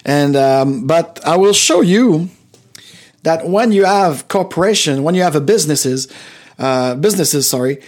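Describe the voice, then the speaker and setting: Male livestream host, slightly high pitch, loose unscripted monologue with emphatic repetition. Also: animated, unhurried, darkish tone. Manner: rambling, repeats phrases for emphasis. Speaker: podcast host and coach.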